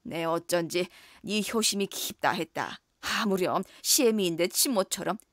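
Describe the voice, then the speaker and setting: Woman doing a low, commanding old matriarch for a voice drama, dry close sound. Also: measured pace, dry recording, close to an everyday voice. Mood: scornful. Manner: commanding, old-fashioned scolding. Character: stern older mother-in-law, imperious and suspicious.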